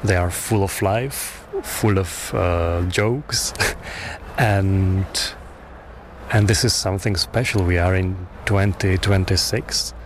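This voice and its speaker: A man from the Czech Republic speaks in a fairly low voice, earnest and a little hesitant as he answers. There is faint noise in the background. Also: slow pace. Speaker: festival organizer. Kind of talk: interview.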